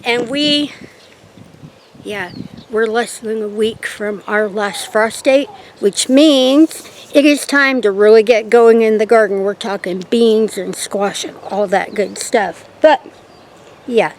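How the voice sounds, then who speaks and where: Woman host, slow homespun chat, slightly high voice, outdoor garden walk-through with light wind. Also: rough recording. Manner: chatty, homespun, says "yeah" a lot. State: a little out of breath. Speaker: channel host. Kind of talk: casual garden tour. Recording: faint outdoor noise and wind.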